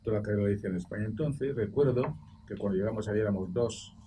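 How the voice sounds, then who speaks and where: An older man from Equatorial Guinea, a former school director, telling animated anecdotes and acting out quoted voices on a television roundtable. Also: lowish voice, fast talker. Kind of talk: roundtable debate. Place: TV studio. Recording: distant mic with faint background noise.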